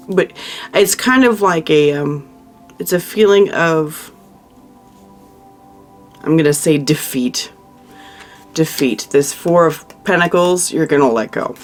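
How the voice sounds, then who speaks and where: A tarot reader giving a monthly reading to the viewer, thinking aloud over the cards in a consoling, emotional way, with frequent restarts. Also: medium pitch. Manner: frequent restarts and trailing-off phrases.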